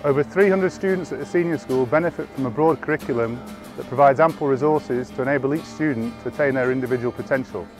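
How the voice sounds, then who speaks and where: A man who heads a senior school, giving a brisk, formal scripted presentation. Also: mid-range voice. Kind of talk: scripted promotional talk.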